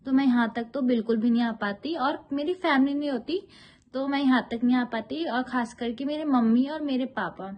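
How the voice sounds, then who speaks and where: A young Indian-born yoga teacher talks straight to her viewers in a casual, personal way. Her voice sits a little on the high side. She loops back on her words and repeats phrases as she goes. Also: moderate pace, dull audio.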